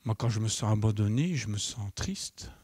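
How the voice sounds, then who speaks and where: A middle-aged man giving a live conference talk as a trainer, lively, acting out short dialogues and putting questions to the audience. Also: lowish voice, moderate pace, slightly rough, no room sound. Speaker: nonviolent communication trainer. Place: conference room.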